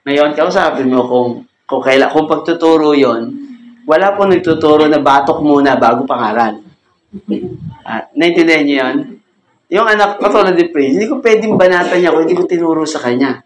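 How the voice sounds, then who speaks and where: Male pastor, slightly high voice, chatty teaching with frequent laughs, echoey room recording. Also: moderate pace. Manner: conversational, joking, laughs often, asks the group questions. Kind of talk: cell group Bible lesson. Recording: echoey room with faint ambient noise.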